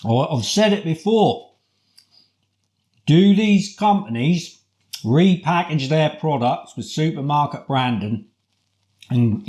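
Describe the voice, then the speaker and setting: British man, slow-paced casual food reviewer. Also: a little high, a little mellow. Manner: chatty, deliberate, with rhetorical questions. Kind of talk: casual product review talk.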